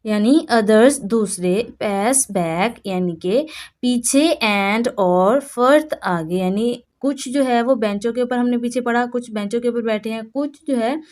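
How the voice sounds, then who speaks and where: Woman teacher slowly reading out English. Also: on the high side, a little mellow. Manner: reads English phrases very slowly, then explains them in quick Hindi-Urdu; repeats words and says "yaani ki" often. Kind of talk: slow classroom-style vocabulary lesson.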